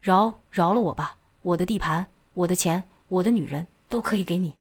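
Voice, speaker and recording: A woman's voice: fairly low pitch, brisk, husky, no room sound, clean studio sound. A woman doing a sneering cruel male villain. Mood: begging. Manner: sneering and boastful, later begging. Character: arrogant cruel male villain with mechanical arms.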